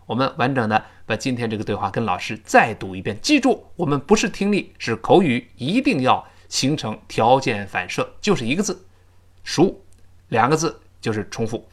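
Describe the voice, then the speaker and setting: Chinese guy teaching english, lively pitch, says each phrase slow so you repeat it. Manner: animated, models phrases slowly for repetition. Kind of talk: spoken English lesson.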